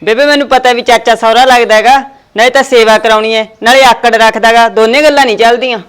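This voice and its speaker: A woman's voice: a little high, fairly even intonation, clean tone, natural voice. A woman playing a defiant young daughter-in-law who schemes against her aunt. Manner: quick, defiant.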